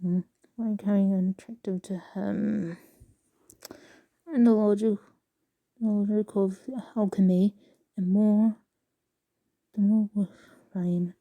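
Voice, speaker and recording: A woman casually reading passages aloud with a halting, stumbling delivery and soft asides. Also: mid-range voice, fairly even intonation, phone-quality sound. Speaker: video creator reading excerpts aloud.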